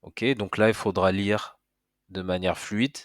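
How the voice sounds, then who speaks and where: A man teaches at a relaxed pace and walks the learner through each step. His voice sits fairly low. The sound is dry and close, with no room echo. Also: a little slow. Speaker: Arabic teacher. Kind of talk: casual spoken lesson.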